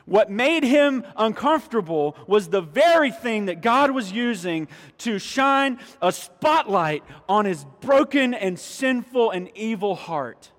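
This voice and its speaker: High-voiced man preaching in a reverberant hall. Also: fairly bright tone. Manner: emphatic preaching, repeats key lines for weight; addresses the congregation directly. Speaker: pastor. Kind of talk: sermon. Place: church sanctuary.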